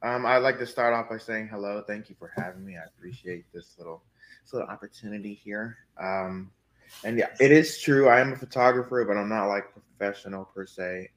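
A man in his mid-twenties talks as a guest on a casual podcast. His voice sits low, and he rambles loosely with a joking, self-deprecating humor. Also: brisk. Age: 20s.

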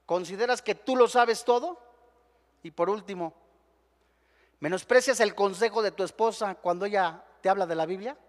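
A male preacher with a Mexican Spanish accent delivers an emphatic sermon, firing rhetorical questions at his listeners. His voice sits very high. A long reverb from the church hall trails each phrase. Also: normal speed.

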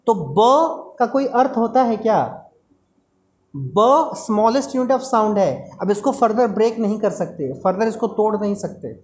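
A woman's voice: mid-range voice, a little mellow. A woman teaching a lesson in Hindi with terms, explaining step by step and repeating key terms. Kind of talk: classroom lecture.

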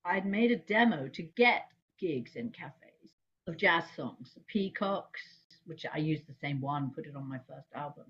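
A woman's voice: deep voice, unhurried, slightly rough. A woman, a jazz singer, telling stories from her life in a casual interview, laughing often and jumping her voice up when she quotes herself. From England. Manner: animated, laughing, voice jumps up when quoting herself. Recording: slightly dull lo-fi sound.

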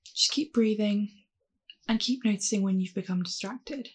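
A woman leads a calm grounding exercise as a guided mindfulness meditation, giving gentle, reassuring instructions in a husky, creaky voice. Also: mid-range voice, normal speed.

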